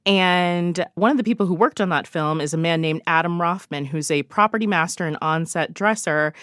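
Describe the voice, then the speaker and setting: As a radio guest, a woman gives event recommendations in a casual, chatty conversation, using emphatic and informal phrasing. Her voice is on the low side and a bit bright, at a moderate pace, studio quality with no echo.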